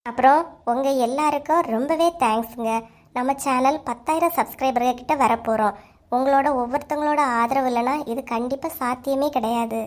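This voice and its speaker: A woman with a Kanyakumari Tamil accent talks to her viewers. Her voice sits high, and her talk is casual and thankful. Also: brisk. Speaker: channel owner and narrator. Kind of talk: casual channel greeting.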